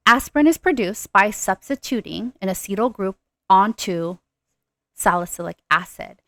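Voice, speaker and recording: A woman with an expressive, slightly bright medium-pitched voice delivers a recorded lecture on nursing pharmacology. She explains carefully, putting emphasis on the key terms, and there's no room sound.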